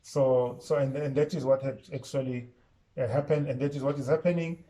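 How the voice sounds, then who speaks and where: A man's voice: mid-range voice, steady tone, fairly quick, warm tone, poor audio. A man teaching an online Islamic studies and Arabic class, explaining step by step and quizzing his students.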